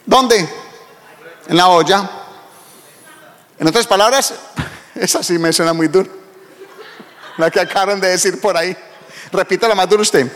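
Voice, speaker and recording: High-voiced preaching man in a reverberant hall. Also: fairly bright tone. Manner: emphatic preaching, calls out to the congregation. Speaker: pastor. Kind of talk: sermon.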